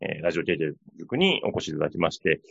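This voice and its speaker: A man hosting a conversational radio interview, with halting phrasing padded with fillers and confirming particles. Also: very deep voice, sing-song, vocal fry, a bit bright, breathy edge, no room sound, highs cut off. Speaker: radio show host.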